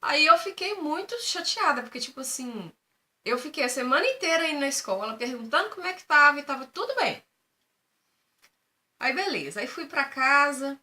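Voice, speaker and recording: A woman, telling a personal story as a mother and acting out the dialogue. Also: high voice. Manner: animated retelling, acts out dialogue in quotes. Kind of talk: casual storytelling to camera.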